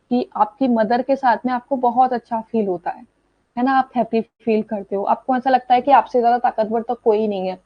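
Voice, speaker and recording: A woman's voice: on the high side, dry recording. A woman teacher giving an explanatory online lecture, often checking that students follow. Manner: explanatory, repeats "thik hai" checks. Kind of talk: online exam-prep lecture. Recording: dull dry lo-fi sound.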